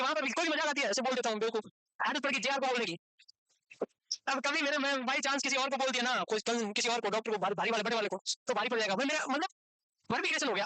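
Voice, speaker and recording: A man teaching a medical course, lecturing in a chatty, joking way and quizzing students with quick questions he answers himself. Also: extremely high pitch, sharp tone, dry recording, poor audio. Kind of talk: lecture to a class, mixed with casual chat. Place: classroom with students present and online.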